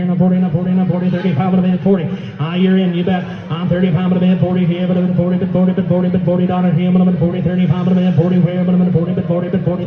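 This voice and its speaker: A man working as auctioneer, calling bids in a rapid rhythmic chant full of repeated numbers. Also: high voice, reverberant, long reverb tail, narrow, tinny audio. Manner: rhythmic repetitive bid calling. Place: auction hall.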